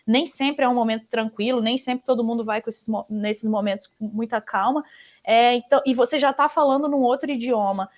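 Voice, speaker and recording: A woman's voice: a little high, brisk. A young woman on a career panel, reflective, thinking aloud with small restarts. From Brazil. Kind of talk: casual panel talk giving career advice.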